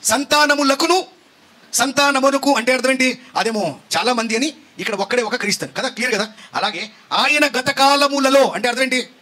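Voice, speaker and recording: A male pastor preaching a sermon, emphatic and full of rhetorical questions that build to shouts. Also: very high voice, a little fast.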